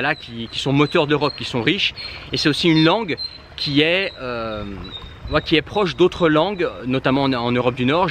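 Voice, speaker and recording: This man, whose first language is Germanic, has a mid-range, somewhat bright voice over a little hiss or hum. He gives relaxed language-learning advice directly to camera, informally, stumbling through plenty of fillers and restarts.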